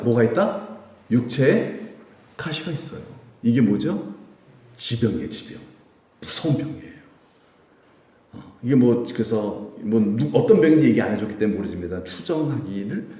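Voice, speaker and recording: In a church sanctuary with an echoey sound, a male pastor preaches a midweek prayer service sermon, putting rhetorical questions to the congregation and acting out quoted prayers. His voice is mid-range and mellow.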